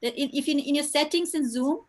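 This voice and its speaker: Woman, high-pitched, group video call audio, helpful, explaining. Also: a little fast. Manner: helpful, patiently explaining settings. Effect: heard over a group video call. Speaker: invited guest on a video call. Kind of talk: casual chat.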